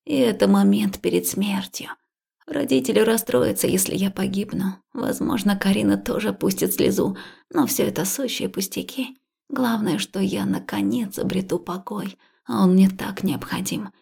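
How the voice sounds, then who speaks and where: A woman narrating a first-person audiobook in an intimate, emotional style, often slipping into a breathy whisper. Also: medium pitch, dark tone.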